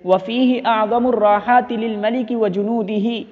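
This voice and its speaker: A man's voice: high voice, steady tone. A man teaching a lesson, reading Arabic phrases and explaining each one several times in other words. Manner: reads an Arabic phrase, then explains it repeatedly with synonyms. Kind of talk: line-by-line Arabic text translation lesson. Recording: dull lo-fi audio with long reverb.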